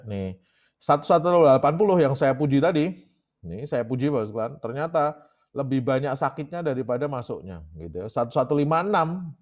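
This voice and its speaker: A man with an Indonesian accent gives a relaxed, conversational lecture. He keeps turning to his listeners as he talks. His voice sits at an ordinary middle pitch. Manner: chatty, keeps addressing the audience as "Bapak Sekalian". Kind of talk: casual lecture.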